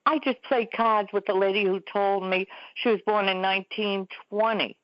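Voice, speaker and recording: A woman's voice: mid-range voice, fairly even intonation, normal speed, dry recording, dull audio. A woman in her seventies, a talk show guest telling stories in a chatty way. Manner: chatty, storytelling. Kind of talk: interview conversation. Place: Florida.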